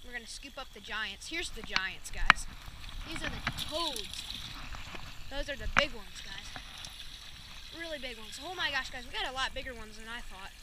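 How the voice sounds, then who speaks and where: Excitable high-voiced woman by a pond. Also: moderate pace. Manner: excitable, keeps saying "guys". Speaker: fishing vlogger. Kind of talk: excited outdoor commentary. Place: outdoors by a pond. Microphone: wearable action camera. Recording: distant mic with loud outdoor noise.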